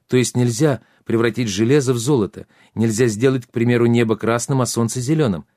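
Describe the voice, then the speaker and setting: A man's voice: medium pitch, fairly quick, a little mellow, no echo, studio quality, natural voice. Man voicing a meek young apprentice wizard. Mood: uneasy. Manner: pleading, plaintive, hesitant.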